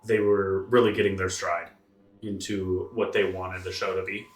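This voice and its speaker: A lower-voiced man co-hosts a casual podcast chat and gives blunt, joking opinions. He sounds set back from the mic in an echoey room. He talks plainly and conversationally. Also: level tone, far from the mic. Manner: blunt, joking, quick to judge. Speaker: podcast co-host.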